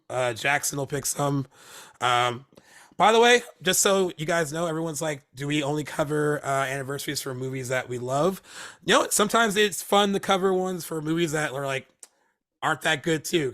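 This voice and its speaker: In loose conversation on a movie podcast, a co-host from Hermosa Beach, California rambles, stumbling over fillers and restarts. Laryngitis is still fading from his voice, which is fairly high in pitch and fairly bright in tone.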